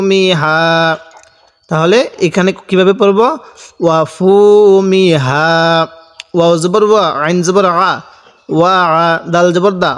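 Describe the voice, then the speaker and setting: A high-pitched, slightly bright male voice leads a Quran spelling lesson, laying out every rule methodically and repeating each syllable. The slow chanted recitation carries a long hall reverb.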